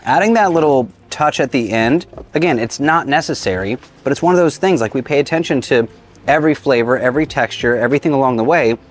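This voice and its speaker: Upbeat male chef host, mid pitch, chatty cooking demo outdoors with light music under. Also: quick pace. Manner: enthusiastic, chatty, talks with a mouthful at times. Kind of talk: casual cooking demonstration. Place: outdoor griddle cooking set.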